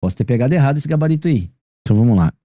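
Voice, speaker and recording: A grammar teacher with a Brazilian accent tutors one student over a video call, speaking very fast and animatedly in a medium-pitched, dark-toned voice with no echo. He patiently explains the material, checking her understanding again and again through tag questions.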